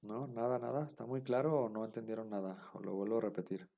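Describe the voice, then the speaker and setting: Mellow-voiced male teacher, patient lecture delivery. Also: fairly low pitch, steady tone, fast talker, creaky. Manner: patient, explains step by step, checks understanding often. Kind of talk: online class lecture.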